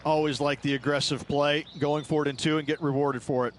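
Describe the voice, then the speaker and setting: An upbeat male golf commentator, played by a man gives conversational analysis for a video game broadcast. His voice sits a little high. Outdoor noise is clearly audible behind him. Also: flat delivery, a little fast, lightly acted. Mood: upbeat, appreciative.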